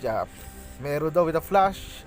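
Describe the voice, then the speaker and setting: With soft music in the background, a man whose voice sits on the high side rehearses play-by-play esports commentary. He often stumbles and starts over, getting excited in bursts during big plays.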